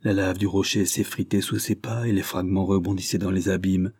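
A man reading a novel aloud as an audiobook narrator, with steady, measured narration. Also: deep voice, husky. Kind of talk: scripted narration.

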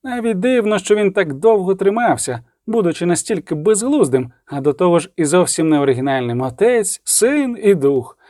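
A man's voice: high-pitched, very animated, normal speed, hardly any pauses, mellow, no room sound, clean studio sound, pitched above the performer's own voice. A man voicing a defiant pagan man, declaiming emphatically with mockery. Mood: scornful.

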